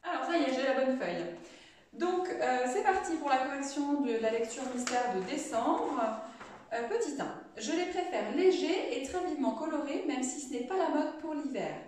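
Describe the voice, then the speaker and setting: Brief: woman teacher, a bit high-pitched, reading aloud expressively, recorded from a distance. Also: lively intonation, normal speed, darkish tone. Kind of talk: online home-school lesson. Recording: echoey room, distant mic.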